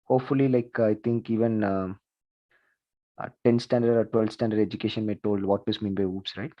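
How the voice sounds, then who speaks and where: A man's voice: fairly low pitch, fairly even intonation, a little fast, muffled recording. A man teaching an online class, chatty, asking the students questions and saying "like" and "okay" often. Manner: conversational, repeats "like" and "okay", asks the class questions. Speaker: lecturer. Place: video call.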